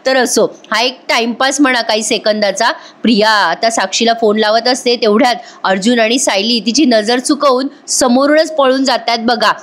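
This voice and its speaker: Woman, slightly high voice, chatty casual review narration, talks straight to viewers. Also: normal speed, hardly any pauses, fairly bright tone. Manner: chatty, keeps telling listeners to look. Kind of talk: casual voice-over episode review. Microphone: voice-over recorded separately.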